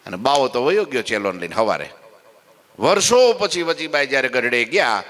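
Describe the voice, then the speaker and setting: A male preacher telling a devotional story and acting out its characters. His tone is bright and forceful, and the delivery is animated. The recording carries a long reverb from the temple hall. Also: medium pitch, moderate pace. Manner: animated, acts out voices. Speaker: katha preacher. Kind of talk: storytelling sermon.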